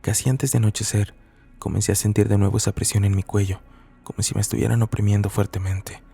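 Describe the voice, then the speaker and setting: A man reading a first-person horror story as scripted narration, measured and somber. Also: fairly low pitch, little pitch movement, gravelly, mellow, husky, faint music behind.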